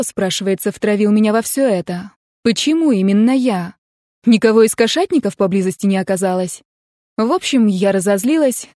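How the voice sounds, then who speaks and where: A woman's voice: medium pitch, mellow, no room sound, clean studio sound. A woman reading first-person narration from a novel, with emphatic delivery of the dialogue. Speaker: audiobook reader.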